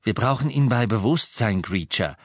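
A stern teenage wizard hero who speaks firmly and gives orders, read by a man. The voice sits fairly low, and the recording is dry and close. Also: lively intonation, normal speed, no echo. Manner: firm, commanding. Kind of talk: audiobook character voice.

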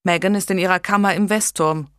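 A woman reading an audiobook voices a calm, firm young man who speaks up protectively. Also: on the low side, a little fast, clean tone, no echo, clean studio sound, lightly acted. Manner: firm, growling.

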